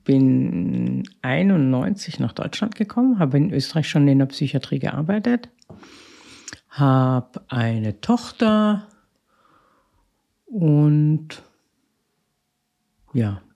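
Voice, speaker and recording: A woman's voice: low voice, sing-song, takes it slowly, gravelly, pauses often, warm tone, dull audio. A woman, a head nurse answering interview questions in a matter-of-fact way with frequent hesitations. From Austria. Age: 50s. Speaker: head nurse of a psychiatric crisis ward.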